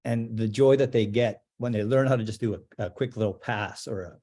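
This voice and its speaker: A man from Portugal, head of a junior soccer association, speaking haltingly over a video call and often restarting his sentences. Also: fairly low pitch, dark tone. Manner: halting, searching for words, frequent restarts.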